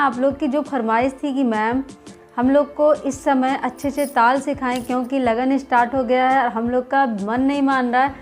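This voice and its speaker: A woman with a high voice teaches dholak in a chatty, encouraging way. Her throat is slightly sore. Faint dholak drumming sounds behind her. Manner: chatty, encouraging, counts beats aloud. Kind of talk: casual music lesson.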